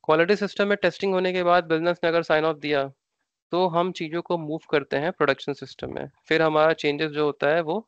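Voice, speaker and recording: A man's voice: fairly high pitch, steady tone, fast, smooth, no room sound, lo-fi sound. A man with an Indian accent, an instructor explaining ideas step by step in a live online class, repeating terms and asking rhetorical questions. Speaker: SAP training instructor.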